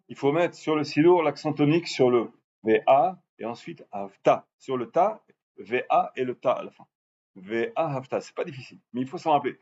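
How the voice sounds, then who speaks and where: A man giving an informal religious lesson to a live group, drawing out Hebrew words slowly to show their pronunciation and often asking his listeners whether they follow. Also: fairly high pitch, darkish tone. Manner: asks listeners for confirmation often. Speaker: religious teacher addressing a class. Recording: muffled lo-fi recording with faint background noise.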